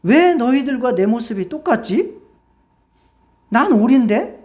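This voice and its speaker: A woman's voice: fairly high pitch, animated, unhurried, darkish tone. A woman preacher voicing a timid, puzzled ugly duckling in a story told during a sermon. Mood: bewildered. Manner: puzzled, hesitant questions.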